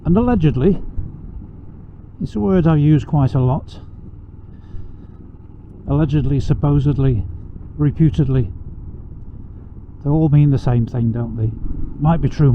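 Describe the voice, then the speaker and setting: A man gives casual, chatty, unhurried travel commentary like a tour guide while riding a motorcycle, his voice enclosed in a helmet. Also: a little high. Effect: muffled inside a motorcycle helmet. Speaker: motorcycle vlogger giving a ride tour. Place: outdoors, riding a motorcycle on country roads. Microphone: microphone inside a helmet. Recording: dull helmet-mic sound with engine and wind noise. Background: motorcycle engine and road noise.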